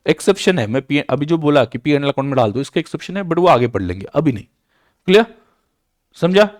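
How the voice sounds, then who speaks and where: A man's voice: on the high side, animated, dry recording, studio quality. A man lecturing on accounting, mixing English terms into his explanation and often checking that students follow. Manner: repeats key points, checks understanding with "बराबर?" and "clear?"; slows down to dictate journal entries. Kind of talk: recorded online lecture.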